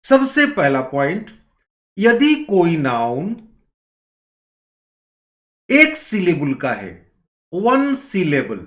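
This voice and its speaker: A man giving a recorded grammar lecture, explaining slowly and repeating each point. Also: a little high, wildly swooping pitch, a bit bright, echoey room. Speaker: grammar teacher.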